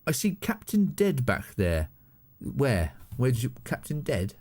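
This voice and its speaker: A man's voice: medium pitch, wildly swooping pitch, measured pace, a little mellow. A middle-aged man with a southern English accent, hosting a casual live stream from his home studio, rambling and laughing with many restarts. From southern England.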